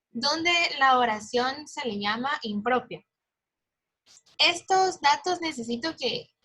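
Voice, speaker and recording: A woman teacher with a husky voice, explaining grammar directly to her students. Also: high voice, pushed and bright. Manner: instructive, addresses the students directly. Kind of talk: class explanation.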